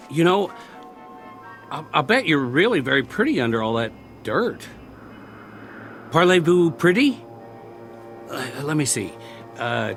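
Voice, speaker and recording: In a radio drama, an actor plays a war-weary, talkative soldier who rambles wryly, feels lonely and is eager to please, stammering when eager. The male voice is mid-range and fairly bright, with a pleading, flirting mood.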